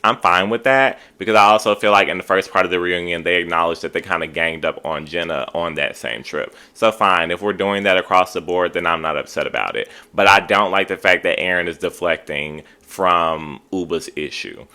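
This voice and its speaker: Guy with a really deep but bright punchy voice doing casual opinionated tv recap, slangy and emphatic. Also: a little fast, few pauses. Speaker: reality TV reviewer.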